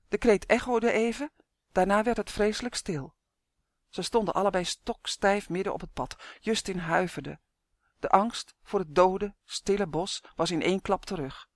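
A woman narrating a children's story in an expressive storytelling rhythm. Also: medium pitch, no room sound. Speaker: audiobook narrator.

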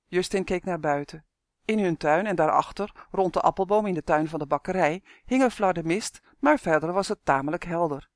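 Calm storybook narrator, dry recording. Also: mid-range voice, normal speed, dry recording. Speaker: audiobook reader. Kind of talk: scripted narration.

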